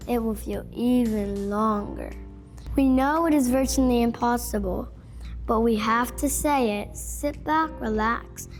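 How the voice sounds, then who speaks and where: Lady doing a pretend captain cabin announcement, kinda high voice, calm and playful, music faint behind. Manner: steady announcer delivery, reassuring and playful. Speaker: pretend airline pilot. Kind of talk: role-played plane cabin announcement.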